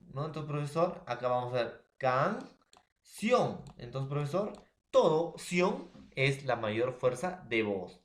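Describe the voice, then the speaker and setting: A male teacher walks his students through a grammar lesson, speaking at a middling pitch. He works step by step and keeps checking in with his listeners. The room around him sounds echoey. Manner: explains step by step, calls the listeners "profesor" and "jóvenes". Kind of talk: classroom lesson.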